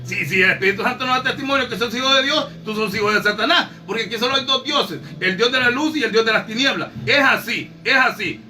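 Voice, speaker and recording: A man's voice: extremely high pitch, sharp tone. A man preaching a fervent sermon with speech, scolding and rhetorical, full of fillers and repeated questions. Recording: distant mic with faint music.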